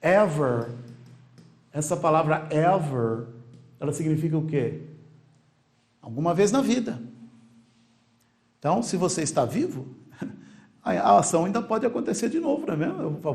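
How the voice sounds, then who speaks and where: Lively Brazilian man teaching English. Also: sits high. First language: Portuguese. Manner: emphatic, repeats key words slowly, frequent "hã?" and "né?" checks. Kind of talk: online grammar lesson.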